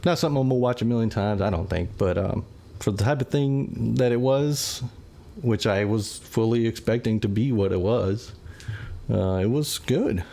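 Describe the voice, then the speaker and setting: A relaxed man hosting a movie review show, his voice sitting on the low side. He rambles along in easygoing chat and fills the gaps with "uh" and "you know". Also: normal speed, gravelly. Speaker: podcast host.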